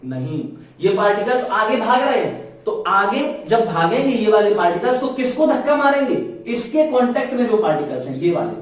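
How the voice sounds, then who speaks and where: A male physics teacher lecturing in a strongly echoing room, his voice picked up from a distance. He talks in a chatty classroom way and keeps asking the class whether they follow. He repeats key terms so the students say them back. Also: very high-pitched. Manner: keeps asking the class rhetorical check questions. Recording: very echoey room, voice far from mic.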